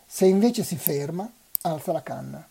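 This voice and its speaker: Calm capable teen boy in a read-aloud novel, reader puts him on, steady, dark husky tone. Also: medium pitch, normal speed.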